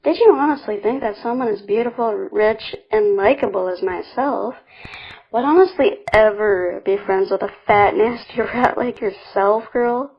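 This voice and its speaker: A woman's voice: mid-range voice, measured pace, gravelly, slightly rough, dull audio. A woman voicing a cruel, cocky young female ringleader who taunts and bosses others. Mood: taunting. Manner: taunting, scornful, bossy.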